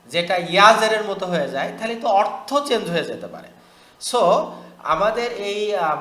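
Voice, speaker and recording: A man's voice: high voice, bright, forceful tone, echoey room. A man teaching Quran pronunciation, repeating letter sounds for students to copy and mixing English words into his speech.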